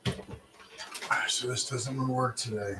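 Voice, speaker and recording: A man's voice: mid-range voice, steady tone, normal speed, sharp tone, recorded from a distance, a little hiss or hum. A man, a real estate agent chatting casually and making live calls, restarting his phrases and laughing easily. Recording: echoey room, voice off-mic.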